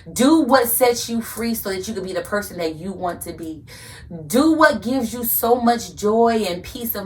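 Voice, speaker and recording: A woman's voice: medium pitch, far from the mic. A woman hosting a podcast, giving an earnest faith-based motivational talk and repeating phrases for emphasis like a preacher. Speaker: podcast host.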